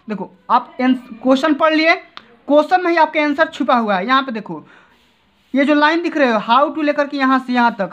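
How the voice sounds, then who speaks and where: A high-voiced man with a fairly bright tone coaches students for exams, explaining in a coaxing way and repeating check-in tags. It's filmed indoors from above a desk, on a dull lo-fi phone recording.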